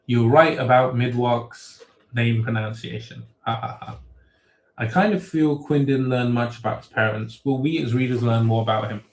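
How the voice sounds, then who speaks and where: A man's voice: mid-range voice, normal speed, darkish tone. A man, an author hosting a casual livestream Q&A, reading viewer questions aloud and giving rambling, off-the-cuff answers. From grew up in England, born in Thailand. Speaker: web novel author hosting a Q&A. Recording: roomy echo.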